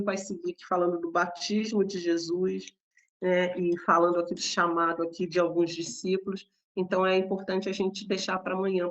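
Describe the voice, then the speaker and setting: A woman with a Brazilian accent giving a gentle, conversational Bible devotional, often adding tag questions. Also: fairly low pitch, highs cut off. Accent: Brazilian Portuguese.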